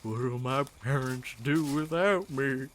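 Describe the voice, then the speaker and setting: An actor voicing a gentle, generous young turtle who speaks politely and softly. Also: medium pitch, slow, close to an everyday voice.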